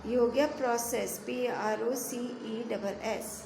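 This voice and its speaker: A woman teacher giving a grammar lesson, spelling words out letter by letter and reading rules slowly before quick explanations. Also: a little high, gravelly. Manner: mixes slow English rule reading with quick explanations. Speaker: school teacher. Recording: echoey room, faint background hum.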